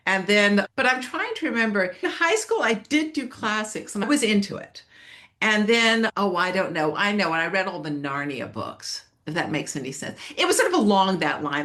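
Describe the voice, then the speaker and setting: An older Swiss woman, a scholar appearing as an interview guest, tells reflective stories in a rambling way, correcting herself and laughing often. Her voice is mid-range and a bit bright.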